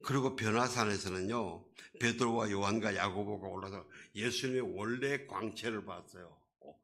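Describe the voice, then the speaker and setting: A man's voice: fairly low pitch, normal speed, fairly bright tone. A man preaching a sermon as a pastor, in a conversational way that asks the congregation questions and acts out quoted voices.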